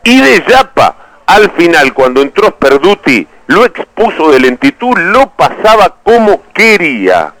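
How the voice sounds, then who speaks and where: An Argentine man rates footballers in a chatty, rambling way, correcting himself as he goes. His fairly high voice moves up and down with lively swings. The studio sound is close and dry. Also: unhurried, no echo, rough recording. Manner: conversational, rambling, self-correcting. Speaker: football analyst. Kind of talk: player ratings on radio.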